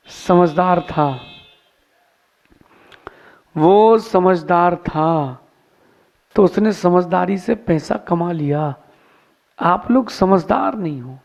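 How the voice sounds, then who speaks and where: A man's voice: high voice, gravelly, darkish tone. A man, a monk preacher, giving a sermon in a folksy, moralizing storytelling manner. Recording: slightly dull lo-fi sound.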